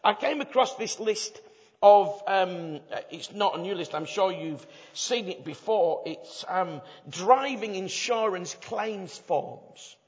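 Male preacher, Bradford accent, high-pitched, jokey and conversational; big echoey hall, slightly muffled. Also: lively intonation, slow. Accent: Bradford, West Yorkshire. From Bradford, England. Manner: chatty, jokey, uses rhetorical tag questions. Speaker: evangelist, guest preacher. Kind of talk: informal humorous sermon to a live audience. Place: large reverberant hall, speaking to an audience.

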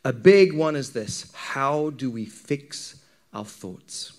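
Delivering a sermon to his congregation, this Zimbabwean-accented man talks slowly but with animation, his pitch sitting in the middle range. He keeps things conversational, posing questions and telling anecdotes to engage the crowd.

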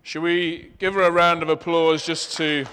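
A man's voice: on the high side, little pitch movement, moderate pace, bright, forceful tone, slight background noise. A man with a Leicester accent speaking as a pastor, preaching and leading a church congregation. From Leicester, England. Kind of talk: sermon, addressing a congregation with prayer and asides. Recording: echoey hall with long reverb.

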